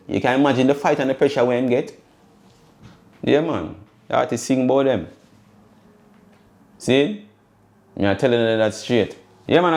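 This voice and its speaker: A man with a Jamaican accent hosting a casual commentary monologue, speaking emphatically in patois and often checking in with a quick "see?". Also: medium pitch, darkish tone. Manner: keeps tagging points with a questioning "see?"; emphatic, loose storytelling in patois. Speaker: host.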